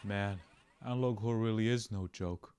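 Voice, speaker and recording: The recording is very noisy, with clear music under a man's lowish, steady voice at a moderate pace. He hosts a comedic scripted YouTube video essay in a melodramatic, mock-serious style, with sudden bursts of emphasis.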